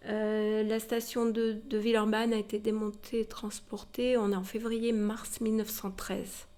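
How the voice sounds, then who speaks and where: This woman, a museum guide, narrates history informally for a visitor, speaking directly to listeners and using rhetorical tags to explain. Her voice is dark and mid-range, with little pitch variation, at a normal speed.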